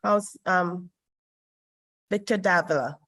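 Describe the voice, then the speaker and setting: A woman's voice: lowish voice, takes it slowly, fairly bright tone. Woman chairing a meeting over a group voice call. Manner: formal, with frequent ums and small restarts. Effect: voice heard over an online group voice call. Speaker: chair of a city hearing board. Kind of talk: formal meeting chairing and reading into the record.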